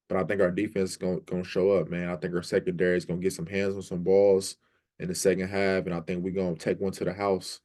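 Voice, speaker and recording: Excitable low-voiced man talking football. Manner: excitable, rambling, says "man" and "like" often. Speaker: sports fan channel host. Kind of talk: casual fan commentary vlog.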